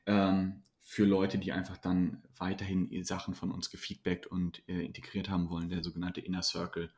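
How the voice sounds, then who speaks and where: A man's voice: low-pitched, darkish tone. A man, a mentoring coach, giving earnest, motivational answers in a podcast interview, often restarting his sentences.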